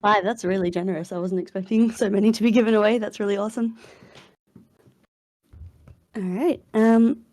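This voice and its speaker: Her voice is mid-range and darkish, steady at a normal speed but with long pauses, on a dry recording from a voice-chat headset or computer mic. As a community manager running a live AMA, she sounds upbeat and chatty in her morning voice, using fillers and laughing often.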